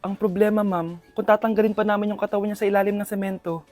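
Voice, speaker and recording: Woman playing a calm, businesslike engineer. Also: medium pitch, quick pace, soft background music, natural voice. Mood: matter-of-fact. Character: female construction engineer, matter-of-fact.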